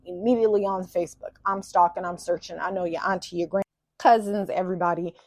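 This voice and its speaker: A woman with a somewhat low voice tells a personal story in a relaxed vlog monologue. Her delivery is chatty and animated, with playful self-teasing asides. The sound is close and dry, with no room echo. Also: quick pace. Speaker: vlogger telling a personal story.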